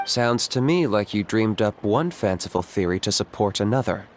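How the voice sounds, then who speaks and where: A man's voice: lowish voice, lively intonation, normal speed, noisy background, close to an everyday voice. An actor playing an aloof young male hunter who speaks in short, dry remarks. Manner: terse, dry.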